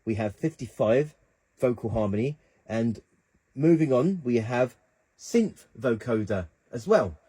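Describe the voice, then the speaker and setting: A man's voice: mid-range voice, lively intonation, a little slow, warm tone, breathy edge. A man hosting a keyboard tutorial, chatting casually and thinking aloud as he works the controls. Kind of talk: casual instructional demo.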